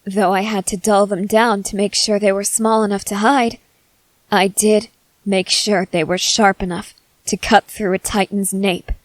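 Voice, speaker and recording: For an ASMR drama, an actress plays a stern young female soldier who is suspicious, guarded, wary, and threatening. Her natural, medium-pitched voice is recorded very dry and close, with a flat, unhurried delivery. She acts with intensity, speaking slowly, deliberately, and tersely with pauses, in a dramatic character roleplay.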